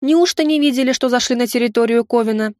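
A woman's voice: fairly high pitch, quick pace, a little mellow, no echo, studio quality, close to an everyday voice. A woman voicing a fussy older male minister who scolds the guard and dotes on the servant. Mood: fussy scolding.

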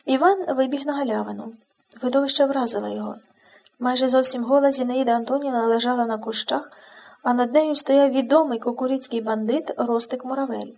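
A woman narrating an audiobook with expressive storytelling. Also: high voice, fairly quick.

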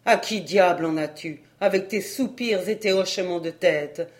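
A woman's voice: lowish voice, moderate pace, close to an everyday voice. A woman reading aloud as an irritated male doctor, pressing his friend with insistent, teasing questions. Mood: exasperated.

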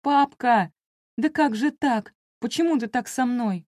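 A woman's voice: mid-range voice, moderate pace, warm tone, slightly rough, dry recording, clean studio sound, pitched above the performer's own voice, close to an everyday voice. A woman voicing a desperate teenage girl who pleads in a raised, tearful voice. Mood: desperate pleading.

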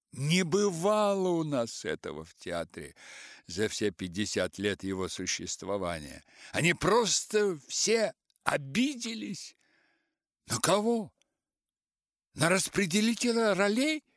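A man's voice: mid-range voice, dry recording, studio quality, voice pushed up. A man voicing a sly, mocking male theater actor who talks sarcastically and mimics others. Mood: gossipy.

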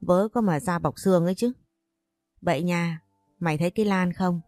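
A brash, talkative young woman teases her friend and scolds her bluntly, as a woman narrator voices her. The tone is low and warm, recorded close and dry, with faint music behind. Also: normal speed, no echo, close to an everyday voice. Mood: teasing.

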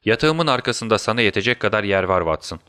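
Cunning detective playing sick, read by a man: brisk orders, then faint whispers; dry close sound. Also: on the low side, expressive, pushed and bright, smooth, no echo. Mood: urgent, commanding. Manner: urgent commands, then feeble whispers. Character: brilliant male detective feigning deadly illness. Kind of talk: audiobook character voice.

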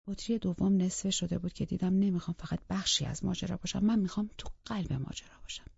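A woman's voice: fairly low pitch, steady tone, creaky, darkish tone, breathy edge, dry recording, highs cut off. A woman reading a psychological thriller aloud as a first-person audiobook narrator, in a tense, intimate way that sometimes drops to a whisper.

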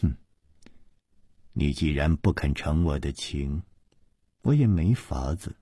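A cold male schemer, as a storyteller puts him on, sneers in low, husky tones. His speech is slow and dry. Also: steady tone, mellow, dry recording. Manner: cold sneers turning halting.

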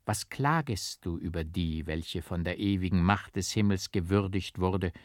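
A man voicing a dying young nun who speaks gently and quietly. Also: low voice, unhurried, dry recording, studio quality. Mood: serene. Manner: soft and quiet.

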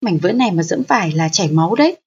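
A woman doing a gentle, soothing mother. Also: lowish voice, animated, quick pace, slightly rough, lo-fi sound. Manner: soft, gentle, reassuring. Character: gentle, calm mother reassuring her child.

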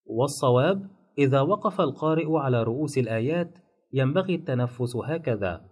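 A man calmly narrating a lesson on Quran recitation rules, listing points one by one. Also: mid-range voice, husky. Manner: measured, enumerating rules point by point. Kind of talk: scripted instructional narration.

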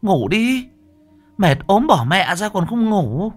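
A man's voice: high-pitched, very animated, takes it slowly, voice pushed up, heavily acted. A man doing a nagging village wife. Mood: scolding. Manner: sharp, nagging, brushing things off. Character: scolding middle-aged village wife. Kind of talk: horror story narration.

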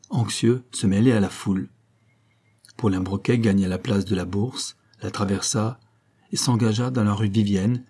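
A man reading a detective novel aloud as narrator, with steady, measured phrasing. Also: lowish voice, slightly rough.

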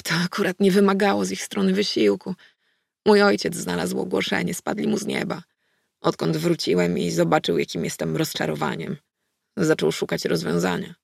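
A man's voice: high voice, level tone, moderate pace, creaky, breathy edge, no echo, studio quality, exaggerated voice. A woman doing a shy, sad young werewolf boy. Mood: bitter. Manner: hesitant, soft, ashamed.

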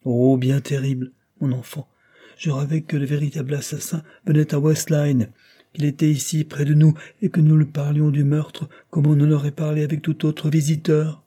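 A man reading aloud voices a sickly, anxious older woman who talks in a hushed, plaintive way. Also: a little high, level tone, normal speed, husky, voice pushed up. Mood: fearful, plaintive. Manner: fearful, plaintive.

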